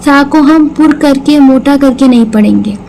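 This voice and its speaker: A woman's voice: high voice, moderate pace, vocal fry, a little mellow, slight background noise, low-quality recording. A woman teaching Quran recitation, patiently explaining each sound step by step and repeating words. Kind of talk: slow tajweed lesson with recitation.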